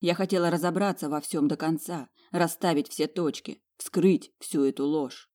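Woman narrating a fantasy audiobook, lowish voice, dramatic reading. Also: moderate pace, dark tone. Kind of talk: first-person audiobook narration.

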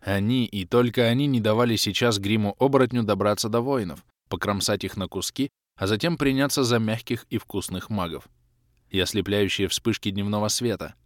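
A man narrating a first-person fantasy adventure, lively and shouting out the dialogue lines. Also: on the low side, moderate pace, dry recording, clean studio sound. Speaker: audiobook narrator. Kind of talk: scripted narration.

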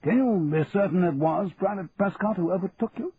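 A man's voice: high-pitched, pitched above the performer's own voice. Man doing stern monocled old colonel. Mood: probing. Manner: measured, formal, officer's clipped diction. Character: stern older male army colonel, monocle. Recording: tinny phone-like, faint hiss.

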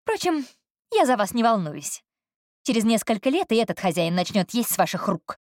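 Picture a spoiled young heiress, shrill and indignant, whose voice climbs high and tight as she demands money. A woman reads her in an audiobook, recorded close and dry, with no room sound. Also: sing-song, moderate pace, no room sound. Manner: high, strained, raising her voice. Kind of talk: audiobook character voice.

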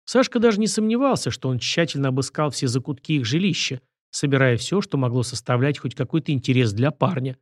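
A man narrating an audiobook in an even storytelling manner. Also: mid-range voice, fairly quick, few pauses, dry recording, studio quality. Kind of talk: scripted narration.

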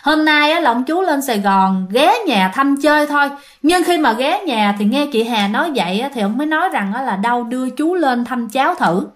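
A woman with a high, animated voice tells a ghost story at a brisk clip. She keeps it chatty and casual, talking straight to her listeners.

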